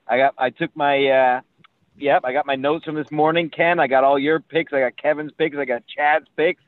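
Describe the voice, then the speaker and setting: A man on a podcast calling in remotely and chatting casually, his voice thin with no bass, joking and a bit rambling. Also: fairly even intonation, normal speed. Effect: thin voice with no bass over a call line. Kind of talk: casual chat. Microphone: remote call. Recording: tinny phone-like call line, dry.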